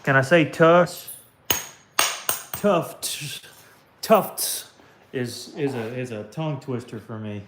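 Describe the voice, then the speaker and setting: A man's voice: mid-range voice, lively intonation, normal speed, few pauses. Southern American man, casual live-stream host, chatty and easygoing, heavy knocking noise in the background. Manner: chatty, talks to viewers by name while working. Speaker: livestream host. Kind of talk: casual live-stream chat while flintknapping. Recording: clicks and knocking of stone work.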